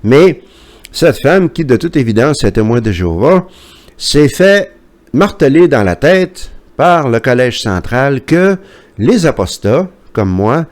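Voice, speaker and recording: A man's voice: mid-range voice, big pitch swings, takes it slowly. A man with a Québécois accent, chatting casually as he reads out viewer comments, with frequent hesitations. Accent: Québécois French. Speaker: YouTuber reading viewer comments.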